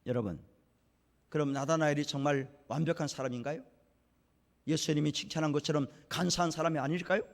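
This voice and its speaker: A man's voice: a little high, a little fast, creaky. A male pastor preaching a sermon in a church, telling the story dramatically and putting rhetorical questions to the congregation. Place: church sanctuary. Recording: reverberant church sanctuary.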